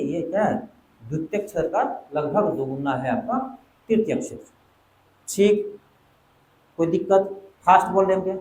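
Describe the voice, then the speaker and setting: A man's voice: high-pitched, darkish tone, a little hiss or hum. A man teaching an exam coaching class, firing questions at his students. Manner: quizzes students, quick back-and-forth questions. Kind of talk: classroom lecture. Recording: echoey classroom.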